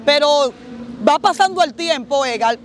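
A woman's voice: high-pitched, lively intonation, measured pace, a little hiss or hum. A woman pastor giving an earnest testimony in an interview, often addressing the host by name.

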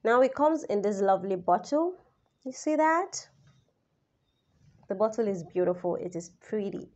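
Seated in a small indoor room, a young woman reviews a perfume for her casual vlog, her voice slightly raspy as she recovers from the flu. She talks chattily and expressively straight to viewers, with a mid-range voice at normal speed. The camera is in front of her in head-and-shoulders framing, and the audio sounds dull.

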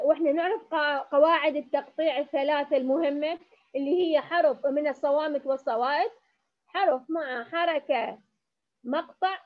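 Iraqi woman, high voice, teaching a model class, coaxing kids and sounding out syllables, muffled lo-fi sound. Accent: Iraqi Arabic. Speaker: educational supervisor. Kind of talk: demonstration lesson for teachers.

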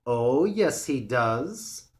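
A man's voice: medium pitch, sing-song, very slow. A man voicing a sly little tortoise. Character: clever, calm young female tortoise.

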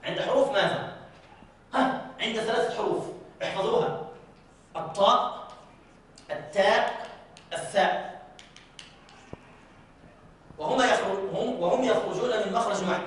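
A man teaching Quran recitation to a class, drawing out his recited examples slowly and often asking students whether they follow. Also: sits high, a bit bright, slight background noise. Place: large mosque hall. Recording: very echoey hall, from far off.

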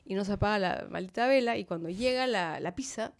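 A woman with a Peruvian Spanish accent, an actress telling anecdotes as a podcast guest in an animated, laughing way. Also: mid-range voice, a little fast. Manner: animated, laughing storyteller who acts out quotes. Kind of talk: casual storytelling interview.

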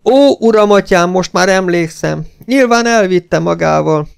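A man voicing a panicked older woman servant who wails and sobs in drawn-out, shrill cries. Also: lively intonation, creaky, dry recording, studio quality, heavily acted. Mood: frantic.

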